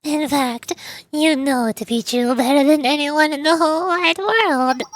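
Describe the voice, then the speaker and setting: A woman's voice: sits high, normal speed, dry recording, close to an everyday voice. A woman voicing a spooky evil child villainess from a game, gloating and mock-sweet, theatrical and taunting. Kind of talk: amateur voice acting of a game story.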